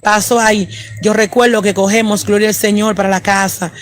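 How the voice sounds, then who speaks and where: A man's voice: high voice, level tone, fairly quick, a little hiss or hum. A man evangelist, telling a personal testimony and peppering it with praise interjections. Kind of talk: testimony storytelling.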